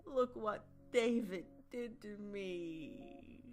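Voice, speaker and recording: A man's voice: sits high, expressive, drawn-out words, gravelly, faint music behind, voice pushed up, exaggerated voice. A man voicing a monstrous, tree-like aunt who whines in a mushy baby voice and hisses spitefully. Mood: wailing. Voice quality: mushy speech like bad dentures. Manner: whining baby voice, hissing.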